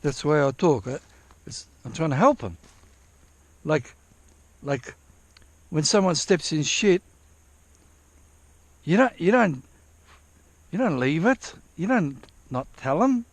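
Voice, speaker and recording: A man's voice: fairly high pitch, animated, slow pace, pauses often, dry recording. Rambling, swearing Australian man. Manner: rambling, repeats himself, swears freely. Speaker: vlogger. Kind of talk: casual rambling chat to camera.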